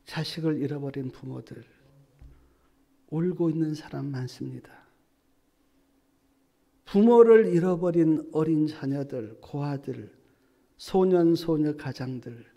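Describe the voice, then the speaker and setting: A middle-aged man preaching a sermon as a pastor at a revival meeting, swinging between loud outcries and hushed near-whispers. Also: a little high, a little slow, vocal fry, long pauses. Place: church hall at a revival meeting.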